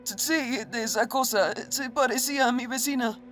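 In a fan-dubbed webtoon, a young adult man with a Latin American Spanish accent plays a timid, panicky teenage boy who is a reclusive gamer. His voice is very high-pitched at a moderate pace, stammering, breathless and hesitant, with music and faint noise in the background.

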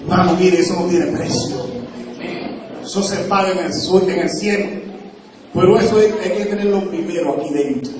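A man preaching a sermon, telling an anecdote with lively storytelling and voicing both people in it. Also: sits high, moderate pace, background noise. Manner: animated storytelling, voicing both sides of a dialogue. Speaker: evangelist preacher. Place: church service. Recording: very echoey church, distant mic. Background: congregation responding.

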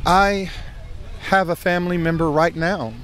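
An older man answering a street interview under an outdoor tent in a calm, earnest way. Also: sits high, a little slow, faint music behind. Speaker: pastor. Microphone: handheld interviewer mic.

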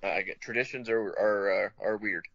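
A low-pitched man talks easygoing podcast chat, agreeing readily and stumbling through restarts. The sound is dry and close, with a dull, lo-fi tone. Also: steady tone, moderate pace, vocal fry, a bit bright, no room sound. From Alabama. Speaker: podcast co-host. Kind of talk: casual chat.

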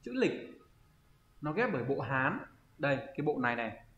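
A man teaching an online kanji lesson, often pausing and thinking aloud as he searches for the word. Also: medium pitch, big pitch swings, a bit bright. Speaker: Japanese teacher. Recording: roomy, slightly dull audio.

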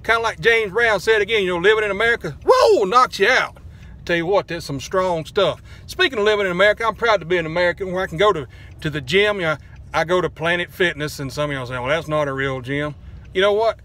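A man's voice: high-pitched, lively intonation, fast talker, pushed and bright. Joking man vlogging in a car. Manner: joking, rambling, self-deprecating. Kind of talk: casual car vlog. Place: parked car. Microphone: phone held close.

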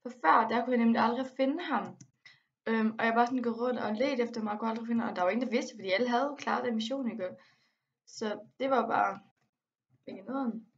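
A young woman chatting over a game she is playing. She sounds excitable and is quick to exclaim and grumble, with English slang dropped in. Her voice sits a little high, and the home mic sounds dull and lo-fi. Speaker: gaming vlogger. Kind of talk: casual gameplay commentary.

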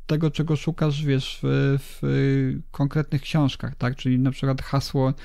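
A man hosting a podcast, explaining things in a halting way and repeating words. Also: medium pitch, little pitch movement, vocal fry, mellow, dry recording, clean studio sound. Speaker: podcast host. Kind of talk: casual chat.

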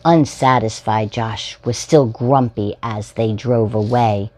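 Reading a children's story as a storytime host, a woman in her forties takes it slowly in a very deep voice, expressive and aimed at young children. Slight background noise is present; she's indoors in a small furnished room at home.

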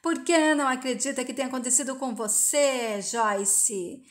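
A stern mature woman in a storybook-style retelling, lecturing hard and giving no ground, as a woman narrator puts her on. Her voice sits a little high, and she keeps a harsh, moralizing edge. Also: moderate pace, close to an everyday voice.

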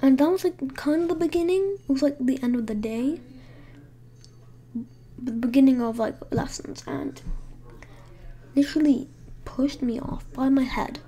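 A woman's voice: high voice, unhurried, pauses often, mellow. Young woman vlogger, casual rambling storyteller, swears freely, slips into whispers at home. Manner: rambling and profane, with many fillers. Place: home room with someone asleep nearby.

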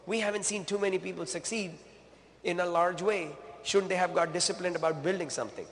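A man giving a motivational business talk on stage, energetic and repetitive, calling the crowd "gang", in a large hall. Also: high-pitched, a little fast, slight background noise.

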